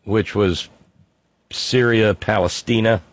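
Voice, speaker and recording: This livestream host reads viewer comments aloud, talking off the cuff in a wry, wandering way full of fillers and false starts. He speaks slowly in a lowish voice with fairly even intonation, and there's no room sound.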